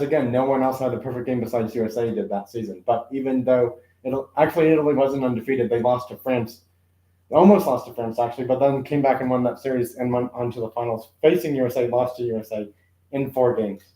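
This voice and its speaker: A man's voice: mid-range voice, fairly even intonation, a little fast, warm tone, roomy sound, poor audio. A man hosting a casual live stream, commentating on toy car games and unboxing, rambling with many self-corrections and an occasional cough. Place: room at home.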